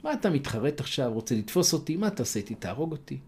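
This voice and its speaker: A man's voice: medium pitch, very animated, a little mellow, husky. A man voicing a sly female dove who scornfully taunts a foolish old man in a spoken folk tale.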